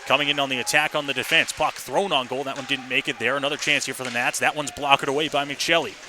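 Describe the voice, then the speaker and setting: A man with a medium-pitched voice does fast, steady-toned play-by-play for a live ice hockey game on the radio. The broadcast comes straight from the rink and carries a little faint background noise.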